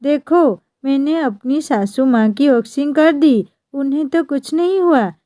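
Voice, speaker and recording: A woman's voice: high voice, measured pace, warm tone, no echo, clean studio sound. A woman voicing a brash, pushy young bride in a bossy, teasing manner.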